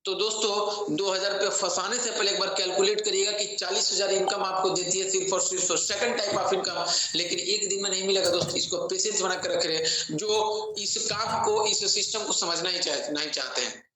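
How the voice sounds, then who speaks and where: A man giving a sales pitch for an income plan, talking to listeners as friends again and again and mixing in English phrases. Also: steady tone, fairly quick, hardly any pauses, pushed and bright. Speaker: network marketing plan presenter. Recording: very echoey room with faint noise.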